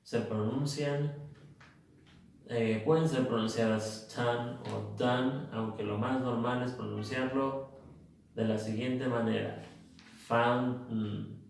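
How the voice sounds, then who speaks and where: A man with a gravelly voice teaches pronunciation at an unhurried pace, spelling out letters and repeating example words patiently. He sounds set back from the mic in a very echoey room. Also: mid-range voice, steady tone, a little mellow, distant mic, slight background noise. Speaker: English teacher. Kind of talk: pronunciation lesson.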